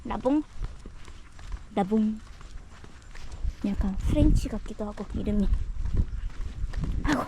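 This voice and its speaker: A woman's voice: mid-range voice, slow pace, pauses often, background noise. A woman talking to herself and to a dog in a casual monologue while walking it outdoors, with mock-scared squeals now and then. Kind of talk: casual self-talk monologue. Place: outdoors on a rural seaside road.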